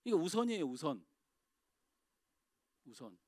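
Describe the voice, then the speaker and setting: A middle-aged man preaching a sermon as pastor in a church. He swings from loud, emphatic outbursts to quiet, confiding asides. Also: on the high side, very animated, unhurried, no room sound, studio quality. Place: church sanctuary.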